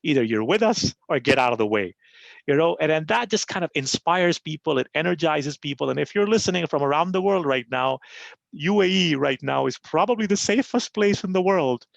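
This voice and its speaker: A man's voice: a little high, expressive, brisk, vocal fry, no echo. A man from Pakistan moderating a live panel discussion, talking in a conversational way with lots of "right?" and "you know".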